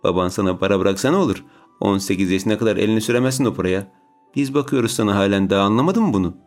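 A man's voice: fairly low pitch, very fast, soft background music, lightly acted. A man voicing a spiteful, scornful middle-aged woman who sneers and spits insults in an audiobook.

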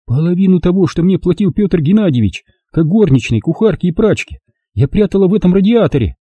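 A man's voice: high voice, expressive, fairly quick, husky, no echo, muffled recording, voice pushed up. A man reading an audiobook, voicing a desperate, tearful young housemaid who pleads bitterly.

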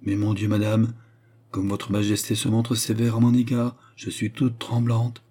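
Scheming noblewoman, feigning innocence, voiced by a man with a dark tone. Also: lowish voice, monotone, moderate pace, natural voice. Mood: feigned meekness. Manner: guarded, falsely meek. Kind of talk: audiobook reading.

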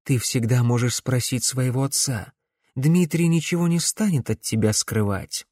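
A man reading an audiobook, voicing a stern middle-aged woman necromancer who speaks in a measured, insistent way. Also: mid-range voice, a little mellow, no room sound, clean studio sound, natural voice.

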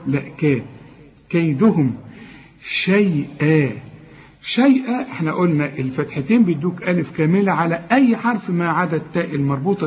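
High-voiced Egyptian sheikh drilling recitation. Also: male voice, a little mellow, muffled recording. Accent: Egyptian Arabic. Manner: drills words slowly, then explains in quick colloquial asides; corrective, direct to the learner. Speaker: Quran teacher. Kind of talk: tajweed recitation lesson.

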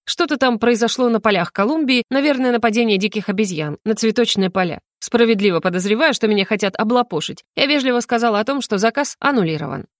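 A woman narrating a first-person audiobook in a lively, expressive, exasperated way. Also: on the high side, fast, few pauses, dry recording, clean studio sound.

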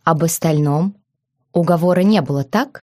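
A woman voicing a self-assured young husband who speaks in a lazy, unhurried, mocking tone. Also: deep voice, a little mellow, no room sound, clean studio sound, lightly acted. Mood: teasing.

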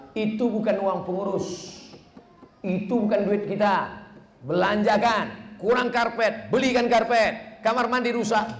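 High-voiced, animated male preacher in hall. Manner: animated, mimics askers and rises to shouts. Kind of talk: lively sermon answering audience questions. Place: large hall with a live audience. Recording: roomy live hall with faint ambience.

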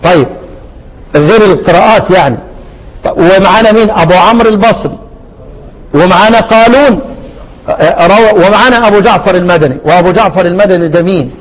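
A man with an Egyptian accent teaching Quran recitation, constantly quizzing his students and drawing out verses in a slow chant. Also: high-pitched, big-room sound, low-quality recording. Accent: Egyptian Arabic. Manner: keeps quizzing students with questions, repeats answers. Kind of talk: classroom explanation of a recitation poem.

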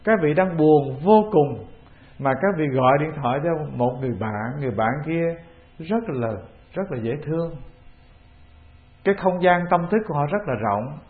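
A man with a Vietnamese accent, a Buddhist monk giving a calm, measured dharma talk, often putting questions to the assembly. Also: fairly high pitch. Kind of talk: sermon. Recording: tinny phone-like lo-fi recording.

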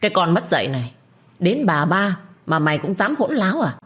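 A woman's voice: on the low side, lively intonation, moderate pace. A woman doing a raging old patriarch. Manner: shouting, threatening. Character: domineering bad-tempered old patriarch.

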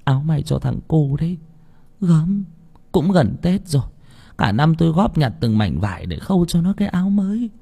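A man voicing a poor village mother, speaking in a raised voice that turns to shrill screams. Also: very animated, moderate pace, gravelly, dark tone, slightly rough, full character voice. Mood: fond. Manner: raised pitch, shrill when terrified.

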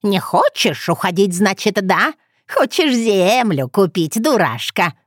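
A woman voicing a sly, hunched ancient village witch woman who talks in a slow, creaky, mocking way. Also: medium pitch, big pitch swings, no echo, clean studio sound. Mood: scornful.

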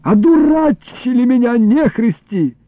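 A man voicing a cantankerous old village man who wails and curses in loud, high outbursts, on a tinny old radio recording. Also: expressive, measured pace, no room sound. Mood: wailing, pleading.

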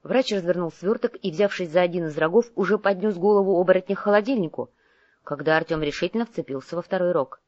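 Low-voiced woman reading an audiobook. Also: fast, a little mellow, no room sound. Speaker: audiobook narrator. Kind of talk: audiobook narration. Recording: dull, slightly muffled audio.

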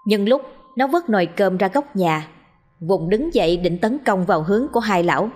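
A woman's voice: medium pitch, expressive, normal speed, a little mellow, soft background music. A woman narrating a ghost story in a scripted, storytelling way.

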